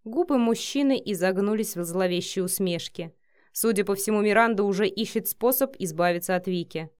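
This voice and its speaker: A woman narrating a romance audiobook in an expressive, even storytelling manner. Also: medium pitch, a little fast, smooth.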